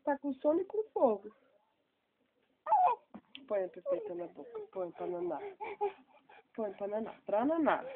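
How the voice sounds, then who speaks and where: A Brazilian woman talks in slow, singsong baby talk, her very high voice swooping up and down as she coos over and over. She is a mother playing peekaboo at home late at night. The phone recording is thin and tinny. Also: sing-song, vocal fry. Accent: Brazilian Portuguese. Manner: singsong, cooing and repetitive. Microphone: phone held close.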